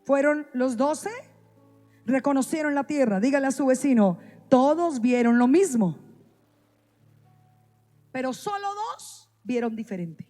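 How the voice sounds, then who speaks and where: High-voiced woman preaching. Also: animated, unhurried, long pauses, warm tone, soft background music. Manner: emphatic, repeats key phrases and prompts the congregation. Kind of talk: sermon. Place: church sanctuary.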